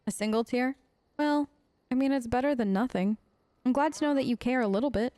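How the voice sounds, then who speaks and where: High-pitched, brisk and mellow, a woman improvises casual in-character dialogue for a video game let's play, role-playing her character as host. She's chatty and rambling with hesitations, and there's no room sound.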